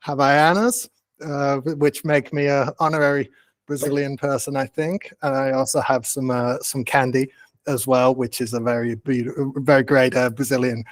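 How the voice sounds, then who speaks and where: A man, a teacher introducing himself on a video call in a friendly, clear, unhurried way. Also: medium pitch, no echo. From England. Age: 30s. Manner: friendly, clear and unhurried, simple wording for learners. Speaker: guest English teacher.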